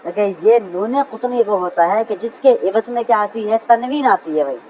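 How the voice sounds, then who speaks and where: Man, grammar teacher, lecture, calls listeners brother, slow example readings, faint room ambience. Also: sits high, darkish tone, a little hiss or hum, low-quality recording. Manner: asks a question and answers it himself; keeps addressing listeners as brother. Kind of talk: classroom lecture.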